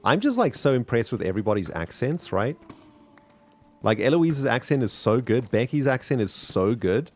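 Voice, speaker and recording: Streaming a game, this South African-accented man gives casual gameplay commentary, rambling along and addressing his chat directly. His mid-range, darkish voice moves at a normal speed with big swings in pitch.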